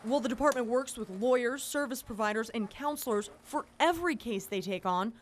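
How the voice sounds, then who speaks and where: A woman narrates a news report in a measured, scripted way. Her voice sits fairly high, and faint ambient hum runs underneath.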